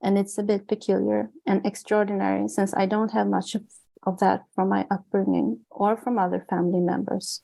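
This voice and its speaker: Swedish-accented woman author reading her book aloud, gravelly and mellow, flat delivery. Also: mid-range voice, poor audio. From Sweden. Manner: earnest, measured, with small restarts. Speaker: author and guest.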